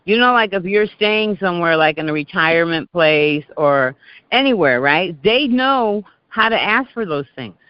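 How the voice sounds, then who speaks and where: A woman's voice: lowish voice, animated, normal speed, clear, resonant tone, no echo. Older lady hosting a call, rambling chatty stories, dull dry line. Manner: chatty storyteller, repeats words. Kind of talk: casual call-in chat. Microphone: call audio. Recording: muffled dry call audio.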